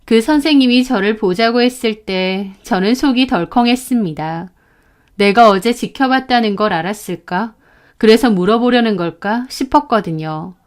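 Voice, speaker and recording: Smooth-voiced woman narrating a story. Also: a little high, moderate pace. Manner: confiding storyteller, plain and steady. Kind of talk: scripted first-person story narration.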